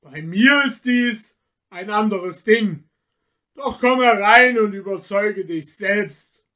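A man voicing a loud, mocking giant forest spirit. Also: high voice, slow pace, exaggerated voice. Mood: sly. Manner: loud, taunting, emphatic. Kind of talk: dramatized storybook reading.

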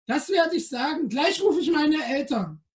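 A man's voice: very high-pitched, big pitch swings, a little slow, recorded from a distance, voice pushed up, heavily acted. A man voicing a defiant little girl who talks back snippily. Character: sassy little girl at grandma's house.

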